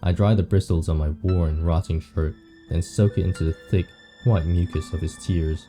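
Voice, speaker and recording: A man reading the lines of a weary, morbid undead painter from a visual novel, slowly and somberly. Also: low voice, fairly even intonation, over music, lightly acted. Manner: slow, somber reading of game text.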